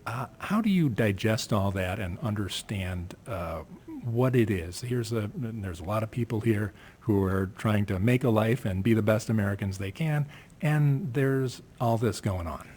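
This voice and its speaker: A man's voice: on the low side, a little slow, darkish tone, slight background noise. A man hosting a live radio interview, asking questions in a conversational way with frequent restarts, at a table mic. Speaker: radio host. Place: mosque event room, live broadcast table. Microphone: table mic with headphones.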